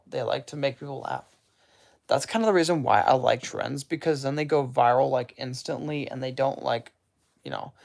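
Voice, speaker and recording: A man's voice: a little high, vocal fry, a little mellow. A man hosting a casual livestream, rambling and correcting himself as he reacts to chat. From United States. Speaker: livestream host.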